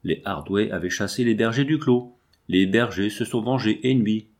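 A man's voice: lowish voice, moderate pace. A man voicing a sinister, scheming peasant shepherd in a storybook reading, with taunting, half-threatening calls. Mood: menacing.

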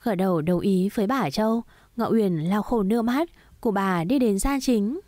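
A woman narrating a romance story aloud in a steady, even storytelling manner. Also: mid-range voice, normal speed, no room sound.

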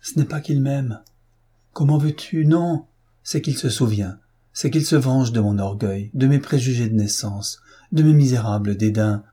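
A man's voice: medium pitch, measured pace, warm tone, breathy edge. A man reading an audiobook, voicing an anguished, tearful young aristocratic wife in a pleading manner. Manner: pleading, sobbing.

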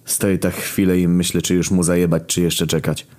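A man with a very deep, low voice tells a rude comic tale in the first person. He keeps the narration deadpan and steady, breaking into loud outbursts now and then. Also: a little fast. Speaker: storyteller.

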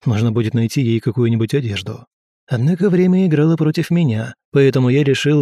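Guy reading an audiobook, dark mellow voice, dry close sound, steady even delivery. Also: medium pitch, dry recording. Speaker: audiobook narrator. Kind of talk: scripted first-person narration.

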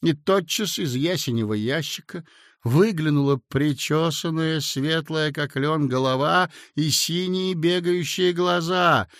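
A man narrates an audiobook in a measured, expressive voice that sits a little high for a man. The recording is dry and close, with no room sound. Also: no echo. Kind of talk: scripted narration.

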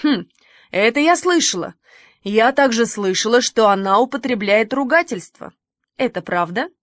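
A woman voicing a kindly, fussy middle-aged village woman in a storybook reading, brisk and motherly, softening on endearments. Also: on the high side, animated, no echo, clean studio sound, close to an everyday voice.

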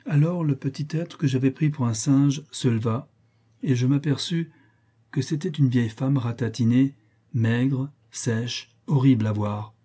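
A man narrating an adventure novel in the first person, steady and storytelling. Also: medium pitch, measured pace, slightly rough. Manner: steady storytelling with acted dialogue. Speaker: audiobook narrator.

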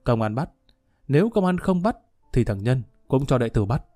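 A man voicing a jealous, violent young thug in a spoken story, harsh and shouting. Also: medium pitch, big pitch swings, moderate pace, no echo, clean studio sound, faint music behind. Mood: tense.

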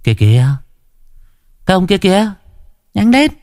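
A scruffy street boy who hurries his friend along in an urgent hush, as a storyteller puts him on. The voice jumps high above the performer's own, and the recording is dry. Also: wildly swooping pitch, normal speed, no room sound, exaggerated voice.

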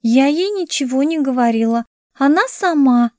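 A woman voicing a frightened, desperate young woman with a higher, pleading, frantic voice. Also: unhurried, darkish tone, no echo, studio quality, natural voice.

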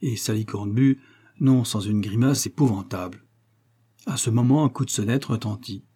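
A man narrating a comic short story in a measured, expressive audiobook reading. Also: fairly low pitch, slightly rough.

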